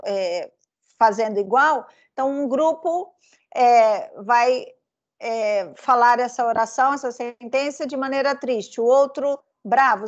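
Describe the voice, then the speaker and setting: A woman's voice: on the high side, muffled recording. A woman with a Brazilian Portuguese accent teaching an online class, explaining patiently with many fillers.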